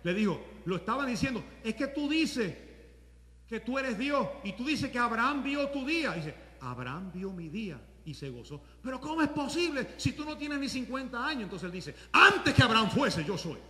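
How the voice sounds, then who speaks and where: A man pastor preaching a sermon in a conversational way, at times rising to shouts. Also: very high voice, big pitch swings, normal speed, echoey room, long reverb tail.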